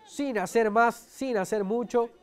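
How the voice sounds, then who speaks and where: A man's voice: extremely high pitch, unhurried, smooth. A man with an Ecuadorian accent giving live football commentary as a match commentator.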